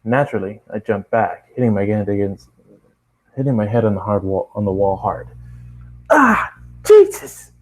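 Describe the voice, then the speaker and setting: Reading a first-person tale as an amateur narrator, a man with a lowish, dark voice moves briskly with fairly even intonation. He keeps tripping over lines, saying sorry and starting them again, captured on a low-quality recording.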